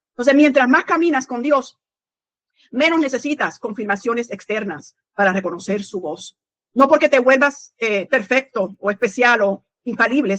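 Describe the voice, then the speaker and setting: Woman preacher, high voice, earnest sermon, lots of amens, dry slightly muffled sound. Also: a bit bright, dry recording. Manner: frequent "amén" and rhetorical questions to the congregation; earnest teaching tone with small restarts.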